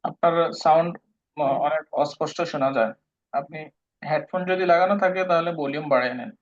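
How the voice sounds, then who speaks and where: A man's voice: fairly high pitch, fairly quick. A man teaching a live online language class, patiently explaining pronunciation step by step and mixing in English words. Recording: dull lo-fi online call audio.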